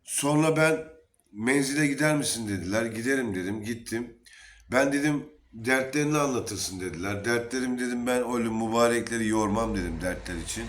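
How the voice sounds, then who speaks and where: At a Sufi lodge gathering, a man earnestly recounts an emotional personal story as casual spoken testimony, quoting the dialogue as he goes. His voice sits in the mid range and moves fairly quickly.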